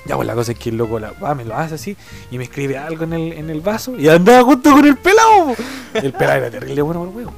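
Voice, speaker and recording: A man's voice: fairly high pitch, fast talker, vocal fry, soft background music. A man in his twenties with a Chilean Spanish accent, casually telling a story and acting out the other people's voices. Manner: animated, acts out other voices and sounds.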